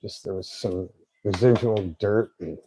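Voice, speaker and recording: Low-voiced man with slightly off articulation. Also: measured pace, mellow, a little hiss or hum, poor audio. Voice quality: slightly off articulation after recent oral surgery. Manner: informal, thinking aloud while working. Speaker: DIY car repair presenter. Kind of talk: casual hands-on tutorial narration.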